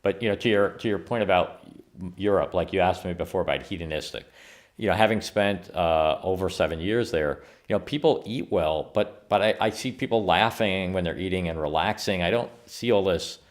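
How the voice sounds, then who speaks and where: A middle-aged man, a scientist guest, giving measured, explanatory interview answers with frequent restarts. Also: deep voice. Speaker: guest scientist and company founder.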